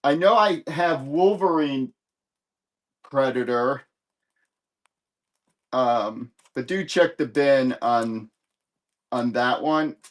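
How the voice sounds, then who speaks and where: A man's voice: mid-range voice, drawn-out words, long pauses. A man hosting a live comic book sales stream in casual chat, rambling and easygoing as he corrects himself and cracks light jokes.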